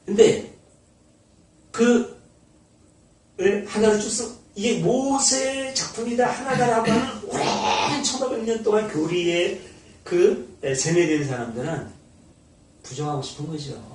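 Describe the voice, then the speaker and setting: A man giving an informal Bible study lecture, animated and blunt, sometimes mocking. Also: high voice, measured pace, a little hiss or hum. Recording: echoey room, mic far off.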